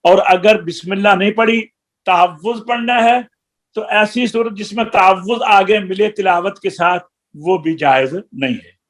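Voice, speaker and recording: A man's voice: sits high, measured pace. A man teaching the rules of Quran recitation, patiently explaining them step by step and demonstrating chanted recitation. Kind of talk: religious recitation lesson.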